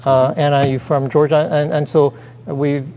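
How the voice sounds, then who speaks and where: A man's voice: a little high, little pitch movement, normal speed, mellow. A man co-hosting a casual chat show, hesitant and full of fillers and restarts. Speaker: co-host. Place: theater stage. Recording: long reverb of a theater hall.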